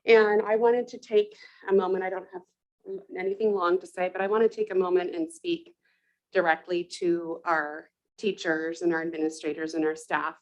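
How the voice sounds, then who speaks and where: A woman's voice: lowish voice, fairly even intonation, normal speed, poor audio. A woman board director giving a heartfelt, earnest address to teachers and staff at a public meeting.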